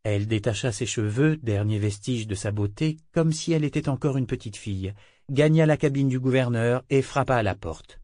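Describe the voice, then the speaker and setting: Male audiobook narrator with a mid-pitched voice and an even, measured read, recorded close and dry. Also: dry recording. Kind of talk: scripted narration.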